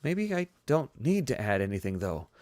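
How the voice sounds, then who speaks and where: A man reading a novel aloud as a fan audiobook narrator, steady in delivery and dropping in joking, self-aware asides now and then. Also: mid-range voice, moderate pace, no room sound.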